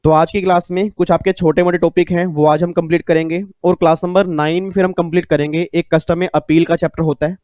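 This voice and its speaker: A man's voice: fairly high pitch, darkish tone, no room sound. A man teaching an exam-prep lecture in a chatty way, repeating key points and mixing in English terms. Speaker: tax tutor.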